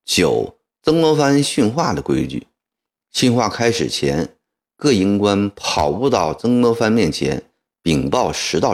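A man narrating a historical novel as an audiobook, in a measured, expressive storytelling manner. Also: fairly low pitch.

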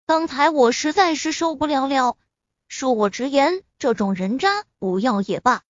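A woman's voice: sits high, animated, moderate pace, dry recording. A woman voicing a confident, blunt young man in a spoken web-novel reading, with a slightly muffled lo-fi sound. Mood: assured. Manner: self-assured, dealmaking.

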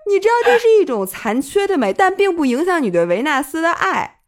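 A woman's voice: very high voice, sing-song, a little fast. A woman co-hosting a podcast, giving confident relationship advice in casual chat and dropping English words into her talk. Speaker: podcast co-host.

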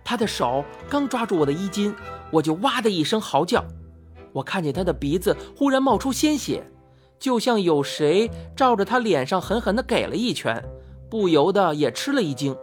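Lively woman reading a story aloud. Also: medium pitch, moderate pace. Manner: lively, acts out the quoted lines. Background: faint music.

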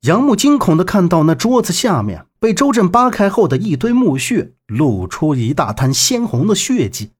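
A man narrating a serialized novel in an expressive, dramatic manner with a husky voice. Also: sits high, moderate pace, hardly any pauses. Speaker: audiobook narrator.

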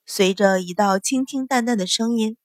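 A woman narrating a story in a steady, even reading voice, acting out the dialogue of its characters. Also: mid-range voice, normal speed, dry recording, studio quality.

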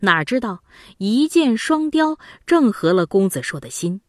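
A woman narrating a classic children's story in an expressive, dramatic way. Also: medium pitch, unhurried, dry recording, studio quality.

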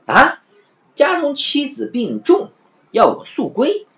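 A woman voicing a clever, witty trickster man who teases and calls out loudly. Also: huge pitch swings, normal speed. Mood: playful. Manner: playful, loud and high.

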